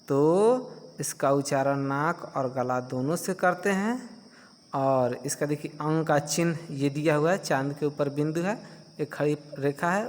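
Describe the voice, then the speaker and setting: Guy teaching kids grammar real slow, asks a question then answers it, voice a bit high, long reverb like a hall. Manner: repeats questions and answers them himself; slow, patient explaining. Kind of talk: Hindi grammar lesson for children.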